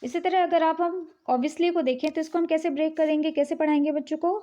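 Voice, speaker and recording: High-voiced woman teaching phonics. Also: fairly even intonation, fairly quick, mellow. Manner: patient, repeats "ठीक है" often, mixes English words in. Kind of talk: explaining English phonics rules. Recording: dull, lo-fi recording.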